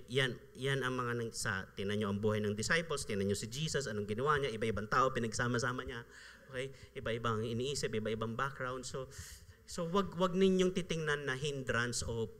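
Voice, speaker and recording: A man's voice: mid-range voice, sharp tone. A man preaching a sermon as a pastor, conversational, acting out the people he quotes and laughing often. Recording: live church sound with long reverb.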